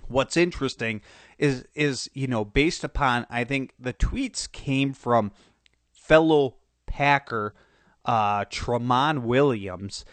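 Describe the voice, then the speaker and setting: A man's voice: medium pitch, slow pace, a bit bright, no room sound. A man talks through a cold, his voice nasal and congested, rambling through casual sports commentary with frequent restarts and fillers. The recording is dry and close, with no room sound around him. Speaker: podcast host.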